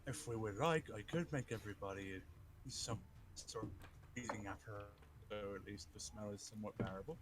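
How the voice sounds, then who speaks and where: A man's voice: on the low side, brisk, background noise. Man whose call voice keeps cutting out. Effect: voice cutting in and out over a call. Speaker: tabletop game player. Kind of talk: casual online game chat. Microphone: online voice call.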